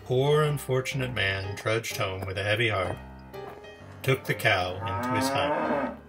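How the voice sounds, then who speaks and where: A male pastor reading a children's story aloud in an expressive, lively way. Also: mid-range voice, measured pace, music in the background.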